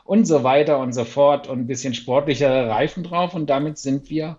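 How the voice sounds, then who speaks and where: A man's voice: mid-range voice, normal speed, darkish tone. A man in his sixties, a podcast guest and coach, telling stories about himself in a chatty, self-deprecating way with small chuckles. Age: 60s. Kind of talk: casual podcast interview. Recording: dull lo-fi sound.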